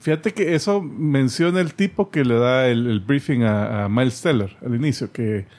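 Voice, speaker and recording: A man's voice: medium pitch, moderate pace, darkish tone. A man in a casual movie review chat, laughing often and swearing freely as he retells scenes.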